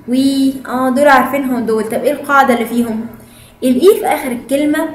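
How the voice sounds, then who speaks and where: A woman's voice: high voice, fairly bright tone, slight background noise. A woman with an Egyptian Arabic accent teaching English pronunciation in an online lesson, encouraging and full of praise, switching between Arabic and English. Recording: echoey room with faint ambience.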